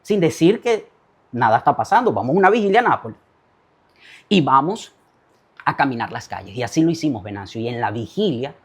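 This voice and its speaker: Man, pastor, fervent testimony storytelling, preacher cadence, mid pitch. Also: sing-song, a little fast, pauses often, husky.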